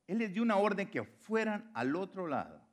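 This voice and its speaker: A man delivers a sermon in a somewhat high voice. He presses his points by repeating phrases. His delivery swings between quiet, low passages and loud, raised ones. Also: big pitch swings, moderate pace. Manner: emphatic, repeats phrases for stress. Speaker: preacher.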